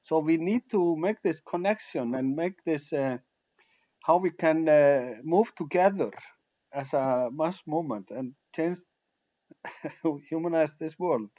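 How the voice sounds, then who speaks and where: A man from Iceland, hosting an online meeting over a video call and talking haltingly as he searches for his words. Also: a little high, warm tone. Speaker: meeting host. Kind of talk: casual online meeting talk. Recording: muffled video-call audio.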